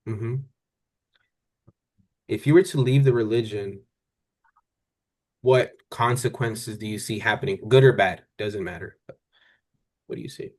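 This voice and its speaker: A man with a fairly low voice plays a therapist in a one-on-one counselling session. He is calm and gentle. His questions come out haltingly and tentatively, and he often rewords them as he goes. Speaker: therapist in a role-play session. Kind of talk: counselling role-play, unscripted conversation.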